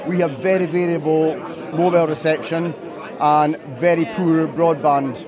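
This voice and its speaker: A Scottish man who chairs a farming branch speaks in a measured, deliberate way. His voice sits a little high. Crowd chatter fills the background. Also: flat delivery. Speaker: farmer, union branch chairman.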